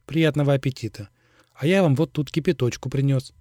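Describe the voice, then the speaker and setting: A man's voice: mid-range voice, fairly quick, darkish tone, dry recording, clean studio sound, natural voice. A man reading the part of a fawning male servant who turns to reproach. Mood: sugary. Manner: sugary then reproachful. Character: fawning orphanage servant man, quick to scold.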